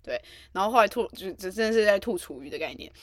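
Chatty podcast co-host, woman, dry close sound, rapid delivery. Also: medium pitch, animated, no room sound. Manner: quick, chatty, jumps in to add details. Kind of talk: casual chat.

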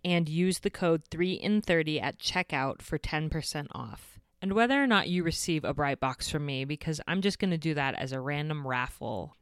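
A woman's voice: deep voice, clear, resonant tone, dry recording, studio quality. A woman hosting a podcast, reading a scripted introduction. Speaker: podcast host.

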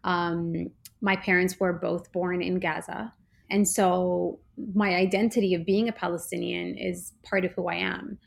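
A woman's voice: fairly low pitch, level tone, a little slow, vocal fry. A woman who grew up in Canada, a social enterprise co-founder, giving earnest, reflective interview answers and searching for her words.

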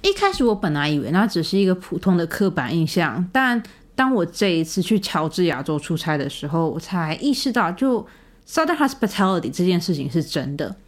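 A woman's voice: fairly low pitch, big pitch swings, brisk. A woman hosting a podcast, telling a story in a chatty, casual monologue with many fillers. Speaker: podcast host.

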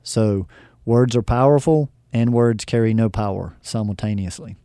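Podcast guy, gravelly and kinda dark toned, thinks out loud with lots of ums. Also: on the low side, normal speed, no room sound. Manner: reflective, explanatory, with many fillers; acts out remembered dialogue. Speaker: podcast guest teacher. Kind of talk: casual podcast talk.

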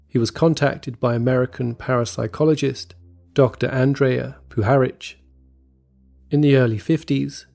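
A man tells a scripted true story in a steady, measured way. His voice is dark and warm, with a gravelly edge. Faint music plays beneath his narration. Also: mid-range voice. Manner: measured, even storytelling delivery. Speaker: podcast narrator. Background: faint background music.

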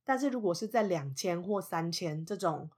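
A woman giving an English lesson, explaining patiently and saying example words slowly. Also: lowish voice, animated, darkish tone, slightly rough. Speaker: English teacher.

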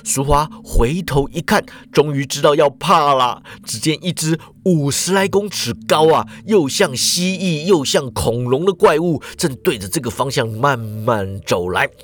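A man narrating a comic story in a lively way, with drawn-out sentence-ending particles. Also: on the high side.

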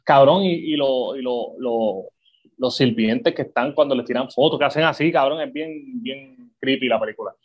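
A man's voice: mid-range voice, normal speed. Profane man, lo-fi sound. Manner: profane, animated storytelling. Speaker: podcast co-host. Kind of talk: casual chat.

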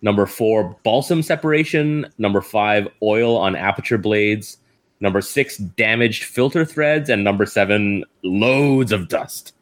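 A man's voice: on the low side, unhurried. A man hosting a casual discussion in a conversational way.

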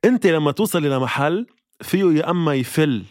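A man's voice: on the high side, animated, brisk, no echo, studio quality. A man with a Levantine Arabic accent, chatting casually as a podcast co-host. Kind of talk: casual chat.

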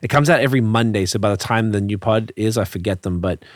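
A man's voice: lowish voice, fast, no room sound, studio quality. A man hosting a podcast in casual, crude banter full of slang. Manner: crude, heavy swearing and slang. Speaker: podcast host.

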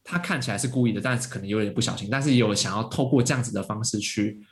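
Speaking rapid-fire in a lowish voice, a male podcast guest recounts a story conversationally. He keeps restarting and using fillers, and he does voices for his parents when quoting them.

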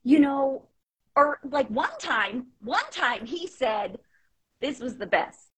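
Husky-voiced woman telling candid stories. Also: high voice, slow, rough recording. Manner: candid, animated storytelling with many "like" fillers. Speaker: podcast guest. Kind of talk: casual chat.

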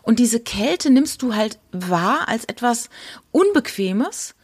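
A woman co-hosting a casual podcast, telling an animated personal story and acting out her own thoughts. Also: a little high, takes it slowly, husky. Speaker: podcast co-host.

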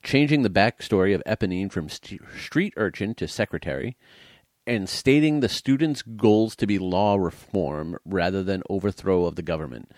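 A man's voice: deep voice, lively intonation, moderate pace, a little mellow, no echo. A man co-hosting a casual movie chat, dryly teasing his co-host and reading out trivia. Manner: dry, teasing, reads trivia aloud. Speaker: podcast co-host.

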